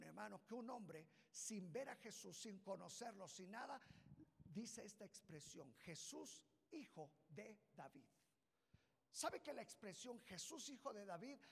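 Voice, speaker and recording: A man preaching a sermon with passion, swinging from shouted lines to low asides and acting out the people in the story. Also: vocal fry, husky. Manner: acts out the people in the story with put-on voices. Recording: hall with long reverb.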